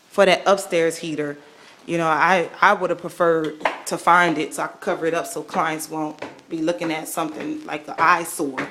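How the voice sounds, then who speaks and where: A woman walks through her salon building's basement with a handheld camera, talking in a chatty, exasperated way. Her voice sits fairly low. A faint hum of room noise runs under her words. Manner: chatty, exasperated, laughs wryly. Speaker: salon owner showing her space. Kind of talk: casual walkthrough vlog.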